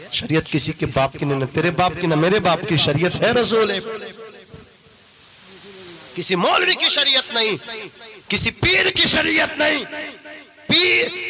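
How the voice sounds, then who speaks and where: A man preaching an impassioned sermon at a large gathering, shouting out lines and pressing the crowd to answer him. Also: sits high, rough recording. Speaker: Islamic preacher. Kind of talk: fiery sermon with call-and-response. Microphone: handheld mic. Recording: crowd heard throughout.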